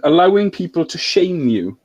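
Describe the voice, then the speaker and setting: A man's voice: a little high, big pitch swings, moderate pace, darkish tone, no room sound, muffled recording. A man from Wales in a political discussion, explaining at length in a lecturing way.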